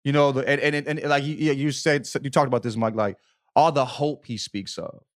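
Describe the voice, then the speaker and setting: A man with a mid-range, steady voice talks at a moderate pace as a podcast co-host in a casual, slangy book discussion. He repeats himself emphatically and keeps checking in with "you know what I mean."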